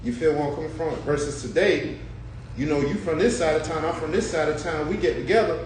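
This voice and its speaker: A man's voice: on the high side, brisk. A man in his thirties as a guest in a casual chat over drinks, laid-back, opinionated and profane. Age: 30s. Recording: very echoey, distant mic, noisy room.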